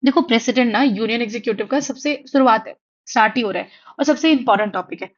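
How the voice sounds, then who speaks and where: Speaking quickly in a fairly high voice, this young woman runs an online exam-prep class mixing Hindi and English while writing on a tablet. The audio is muffled. Her tone is chatty and comforting, and she keeps asking "theek hai?" to check in with students.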